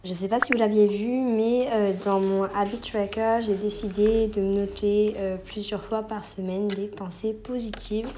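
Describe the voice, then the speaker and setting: A woman's voice: medium pitch, level tone, moderate pace, hardly any pauses, warm tone, slight background noise. Chatty young woman vlogging. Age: 20s. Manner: chatty, rambling, apologetic asides. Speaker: student vlogger. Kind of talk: casual vlog chat to camera.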